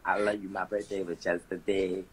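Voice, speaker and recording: A man voicing a lovesick man on the phone, mumbling flatly in a comedy skit. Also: low-pitched, normal speed, voice pushed down, natural voice.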